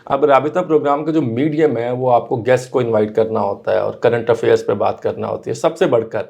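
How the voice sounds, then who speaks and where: Gravelly-voiced man, earnest. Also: medium pitch, steady tone, a little mellow. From Pakistan. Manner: earnest, explanatory, mixes in English phrases. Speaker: guest, radio and TV news anchor. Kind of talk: conversational interview answers.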